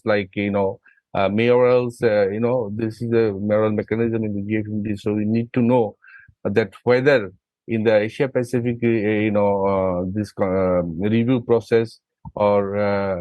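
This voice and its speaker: A man from Bangladesh, a migrant rights advocate, speaking haltingly with many fillers in an online meeting. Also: lowish voice, no room sound, lo-fi sound.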